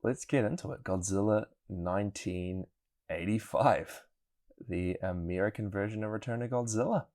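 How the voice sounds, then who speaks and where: A man co-hosting a podcast in casual chat, reacting with sudden excited jumps in pitch. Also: normal speed. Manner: animated reactions, jumps up in pitch when surprised. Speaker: podcast co-host.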